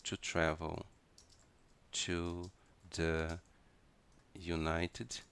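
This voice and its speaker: A man with a Brazilian Portuguese accent teaching an English grammar lesson, speaking deliberately and spelling words out letter by letter. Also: low-pitched, little pitch movement, fairly bright tone, clear, resonant tone.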